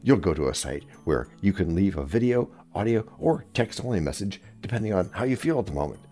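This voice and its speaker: A man's voice: sits low, big pitch swings, fairly quick, dark tone, faint music behind. A man hosting a scripted comedic podcast with a wry, theatrical delivery and playful asides. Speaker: podcast host.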